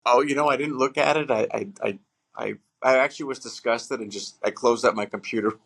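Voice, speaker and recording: A man co-hosting a casual podcast chat, talking in halting bursts with many fillers and restarts, laughing as he tells a story. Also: medium pitch, fairly even intonation, gravelly, fairly bright tone. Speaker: podcast co-host.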